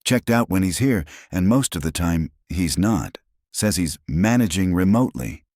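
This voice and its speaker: A weary young woman coworker confides in a hushed voice, as a male narrator reads her lines. The voice stays very deep and dry in this storybook reading. She keeps her words low and quiet. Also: lively intonation, moderate pace, no room sound. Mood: confiding.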